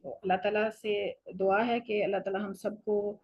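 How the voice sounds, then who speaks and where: A woman teaching a Quran recitation lesson, explaining patiently and slowing down for each recited example. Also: medium pitch, flat delivery, a little mellow, highs cut off, a little hiss or hum. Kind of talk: tajweed lesson.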